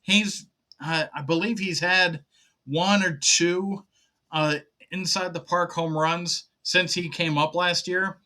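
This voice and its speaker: A man's voice: sits high, fairly even intonation, slow, pushed and bright. A man co-hosting a sports talk show, giving enthusiastic, stat-heavy analysis in casual chat. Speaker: podcast co-host.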